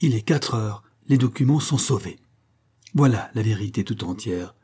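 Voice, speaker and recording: A heroic French officer, gasping but proudly unbroken, who answers his torturers with dignity, as a male narrator reads him in a story. The voice is low and husky. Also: expressive, moderate pace, warm tone. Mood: defiant. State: out of breath. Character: heroic French male army captain, defiant under torture.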